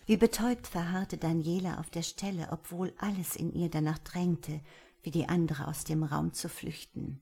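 A woman reading a novel aloud in steady, dramatic narration. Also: lowish voice, moderate pace, creaky, husky. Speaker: audiobook narrator.

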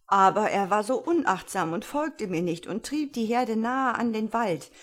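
A woman doing an aggrieved shouting shepherd. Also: mid-range voice, animated, pitched above the performer's own voice, close to an everyday voice. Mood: upset. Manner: loud, aggrieved and quick-tempered. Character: upset grown man, a shepherd.

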